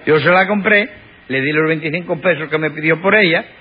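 A man's voice: a little high, fairly quick, breathy edge. A man playing an anxious mail carrier complaining in court in a vintage radio comedy, with a whiny, pleading manner. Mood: plaintive. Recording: dull old radio broadcast.

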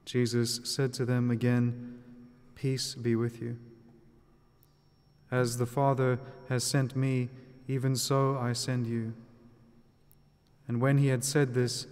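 Priest, man, measured solemn delivery, cathedral echo from a long church reverb. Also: mid-range voice, darkish tone, clear, resonant tone. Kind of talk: gospel reading and homily. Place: convent chapel.

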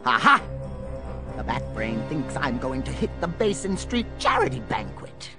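A man's voice: medium pitch, very animated, unhurried. An actor playing a gleeful, taunting male supervillain in an audio drama, theatrical and gloating, full of puns. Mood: smug, scheming. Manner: theatrical, gloating, punning, cackling. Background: dramatic music.

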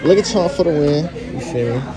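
A young man in his twenties vlogging while shopping in a supermarket, teasing and swearing, with sudden loud bursts. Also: on the high side, lively intonation, fairly quick, over a noisy crowd. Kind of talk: casual vlog banter. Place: large supermarket, indoors. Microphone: handheld camera.

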